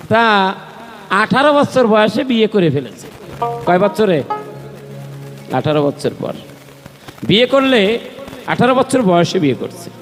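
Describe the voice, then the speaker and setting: A man with a Bangladeshi Bengali accent preaching a devotional sermon at a temple gathering, telling a story in an animated way and asking the audience questions. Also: high-pitched, big-room sound. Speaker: kirtan singer and preacher.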